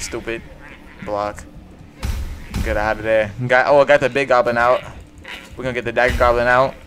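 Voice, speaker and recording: A young man giving casual, slangy gameplay commentary in a low mumble, with faint music behind. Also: a bit bright. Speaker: gaming YouTuber.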